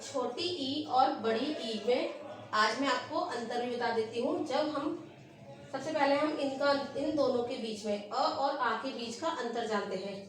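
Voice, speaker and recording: A woman teacher giving an online lesson to small children, explaining slowly and step by step and stressing sounds when she demonstrates them. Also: high voice. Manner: slow, careful, explains step by step. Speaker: nursery Hindi teacher. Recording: echoey room, recorded from a distance, with noise.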